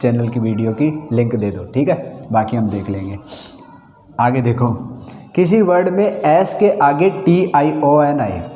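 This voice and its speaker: A man's voice: mid-range voice, warm tone. A male teacher giving an English pronunciation lesson in Hindi. He spells words out letter by letter, then asks and answers his own questions. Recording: echoey room with long reverb.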